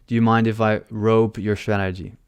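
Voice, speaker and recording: A young man from London hosts a trading stream from a small indoor room, using a headset mic to read chat questions and answer them casually. His fairly low voice holds a level tone at a moderate pace, sounding clear and resonant. No room sound is audible.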